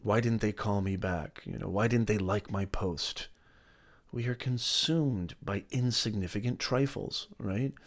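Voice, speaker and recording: A middle-aged man hosts a motivational live stream in a fairly low voice, speaking a little slowly. He talks with emphasis, repeats his points, and greets viewers by name.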